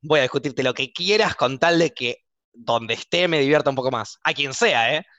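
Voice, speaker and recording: A man's voice: medium pitch, bright, forceful tone, no echo, dull audio. A man with an Argentine Spanish accent, hosting a casual podcast chat, talking with emphatic passion and a taste for arguing. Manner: emphatic, quick to argue. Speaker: host.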